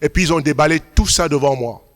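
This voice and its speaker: A pastor preaching a sermon at a church service, moving between emphatic exhortation and quiet personal storytelling. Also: male voice, on the high side, fairly quick. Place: large church hall at a Sunday service. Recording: long hall reverb.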